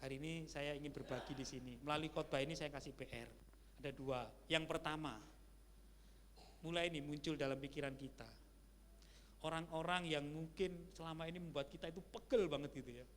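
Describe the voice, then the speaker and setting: A male pastor preaching a sermon in a conversational style, with lively asides to the congregation. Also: a little high, a little fast. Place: church sanctuary. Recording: church hall reverb with faint hum.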